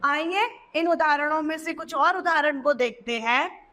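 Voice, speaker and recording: A woman teaching a children's Hindi lesson, sounding out words slowly and repeating them. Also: sits high, bright, forceful tone.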